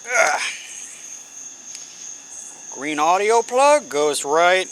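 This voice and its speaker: A man with a high, slightly bright, sing-song voice talks very slowly while showing how he built an electronics project. This hobbyist demo is informal and thought-aloud, captured in a noisy amateur recording with insect hum.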